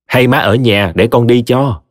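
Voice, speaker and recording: Timid worried young daughter-in-law, voiced by a male narrator, hesitant and pleading, slightly raised pitch, dry sound. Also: unhurried, no room sound, natural voice. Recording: dry voice with faint music.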